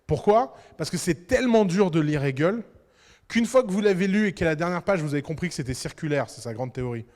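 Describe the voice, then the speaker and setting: A man giving a business lecture to entrepreneurs, talking in an animated, provocative way and addressing the audience directly. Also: a little high, a little fast. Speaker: business conference speaker. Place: conference hall. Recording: reverberant conference hall.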